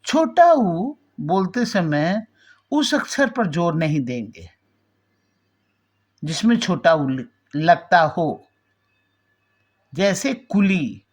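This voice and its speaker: A woman's voice: lowish voice, lively intonation, takes it slowly, breathy edge. A woman teaching a language lesson, patiently explaining spelling and repeating words aloud to demonstrate how they sound. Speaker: Hindi teacher.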